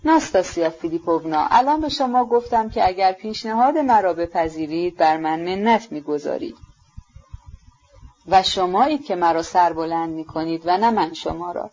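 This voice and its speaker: A woman voicing a gentle, earnest young prince who speaks softly and with sympathy, in an audiobook. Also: lowish voice, lively intonation, dull audio. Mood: sympathetic. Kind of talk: audiobook character reading.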